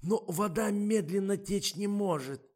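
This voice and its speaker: A man's voice: sits high, a little slow, darkish tone, faint music behind, pitched above the performer's own voice. A man voicing a timid male camera operator with a nasal, stuffy voice from a cold.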